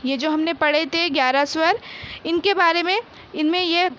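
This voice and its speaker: A woman's voice: very high-pitched, a bit bright, slight background noise. A woman teacher gives a primary-school Hindi lesson. She reads each word twice and answers her own questions. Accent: Rajasthani Hindi. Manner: slow, patient, repeats each word twice for pupils; asks questions and answers them herself.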